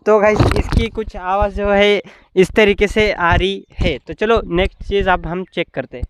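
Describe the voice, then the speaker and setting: A man's voice: high-pitched, steady tone, moderate pace. A man running a casual outdoor vlog, testing a homemade cup phone and calling out instructions to a helper far away. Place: outdoors in a rural open field. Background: faint background noise.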